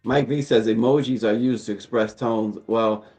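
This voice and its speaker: A man co-hosting a casual talk show in a relaxed way, chuckling as he reads out viewer comments. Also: fairly low pitch, normal speed, faint music behind. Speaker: co-host. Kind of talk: casual chat.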